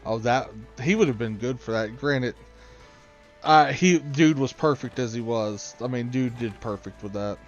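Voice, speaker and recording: A man's voice: medium pitch, measured pace, highs cut off, faint music behind. A man hosting a let's play, chatting casually in a rambling, profane, joking way. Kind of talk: casual gaming chat.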